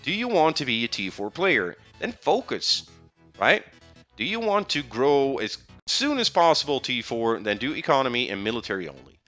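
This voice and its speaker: A Dutch man from the Netherlands, speaking English, rambles through casual game advice on a live stream, full of fillers and restarts. His mid-range voice swings widely in pitch with a sharp tone at a moderate pace, and faint music plays behind him.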